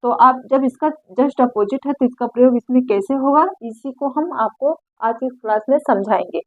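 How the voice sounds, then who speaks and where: A woman teaching Hindi grammar for an exam, asking questions and repeating the key terms back slowly. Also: high voice, no echo. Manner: slows and drops her voice on key terms. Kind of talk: exam-prep lesson. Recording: dry, phone-like narrow sound.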